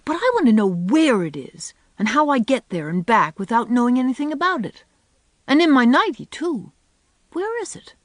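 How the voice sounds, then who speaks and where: A reader putting on a small, practical boy full of questions, his voice pitched up high and wondering. The recording is dry and close. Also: big pitch swings, normal speed, fairly bright tone, dry recording. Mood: curious. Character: curious, practical little boy. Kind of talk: audiobook character voice.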